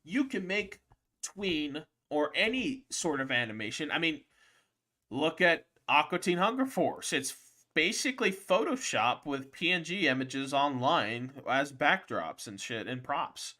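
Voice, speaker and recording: A man rambles through a loose live stream chat with a bright, forceful voice. He talks crudely and gets animated when joking. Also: a little high, unhurried. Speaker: podcast co-host.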